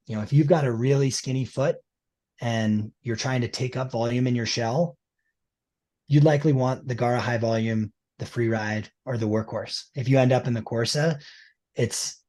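A man with a medium-pitched, slightly mellow voice speaks at a normal speed with fairly even intonation. Representing a ski boot liner maker in a casual interview chat, he explains things keenly and at length. He's enthusiastic and fills his talk with "you know" and "like."

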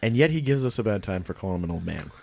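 A man's voice: lowish voice, expressive, racing, creaky. A man needling his friends in casual, crude group banter, with a sardonic manner.

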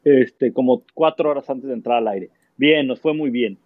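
A man's voice: medium pitch, normal speed, no room sound, narrow, tinny audio. A man, a sports commentator telling stories in a casual interview, acting out quotes. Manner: animated anecdote-telling, acts out quotes.

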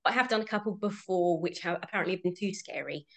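A woman's voice: on the low side, quick pace, a bit bright. A British woman in her thirties, a voice actress answering interview questions in a chatty way with frequent ums. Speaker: voice actress guest.

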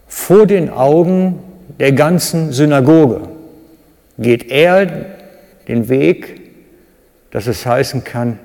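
A German man delivers a sermon in a church hall, his voice sitting in the middle of the male range. He preaches with animation, breaking into sudden loud, high cries when he acts out the people he quotes. The sound carries a long reverb from the hall. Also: gravelly.

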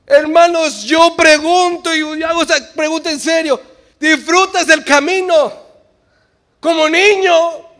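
A man preaching a sermon in church. He swings between shouted exhortation and quiet, joking asides. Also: very high-pitched, fairly even intonation, unhurried.

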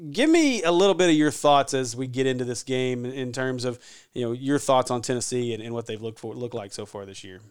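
A man's voice: medium pitch, expressive, fairly quick, smooth. A man hosting a sports podcast, chatty and rambling, laughing often. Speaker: podcast host. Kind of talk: casual sports podcast chat.

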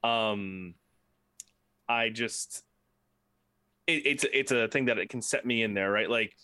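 Low-voiced man, rambling and casual. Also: takes it slowly, bright, forceful tone, no room sound. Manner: rambling, swears freely, many restarts. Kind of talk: casual podcast chat.

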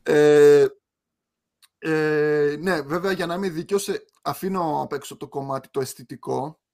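A young man co-hosting a podcast in casual chat, relaxed, laughing often and trailing off mid-sentence. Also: fairly high pitch, gravelly. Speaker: podcast co-host.

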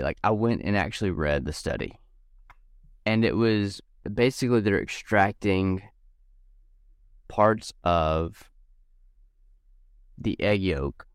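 Rambling low-voiced man on a podcast. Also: no echo, clean studio sound. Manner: rambling, halting restarts. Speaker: podcast co-host. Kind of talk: casual podcast chat.

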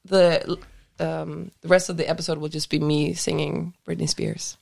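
A woman's voice: deep voice, flat delivery, normal speed, vocal fry, darkish tone. A woman co-hosting a podcast, chatting casually in a rambling, giggly way and swearing freely. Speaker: podcast co-host.

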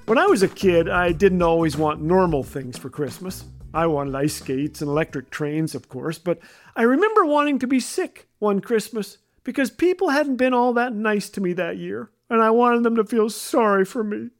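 A man's voice: sits high, expressive, moderate pace, faint music behind. A man from Canada telling funny, self-mocking stories as a radio host. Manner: wry, self-mocking delivery. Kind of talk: humorous storytelling.

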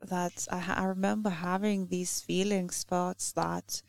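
A woman from Lithuania with a Lithuanian accent, a native Lithuanian speaker giving a halting church talk that searches for words. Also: on the low side, level tone, vocal fry, darkish tone. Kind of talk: sermon.

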